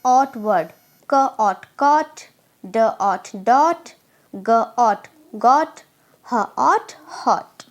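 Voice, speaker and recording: A woman, teaching a phonics lesson and slowly sounding out letters before blending them into words. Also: fairly high pitch, animated. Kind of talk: slow phonics drill.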